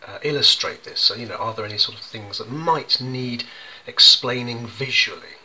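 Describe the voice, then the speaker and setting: A man's voice: medium pitch, normal speed, pushed and bright, low-quality recording. An English man, a children's poet, chatting through how he illustrates his poems, with many ums and restarts. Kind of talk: casual explanatory demonstration.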